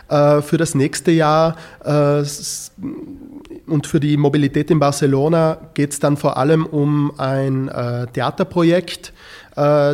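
A man's voice: on the high side, darkish tone. A man from Tyrol, a teacher answering interview questions thoughtfully and hesitantly, with many filler sounds. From South Tyrol. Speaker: teacher in a school project.

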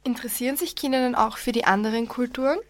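A woman's voice: a little high, steady tone, quick pace. A young woman hosting a radio interview, reading formal questions from a script. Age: young adult. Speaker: interview host.

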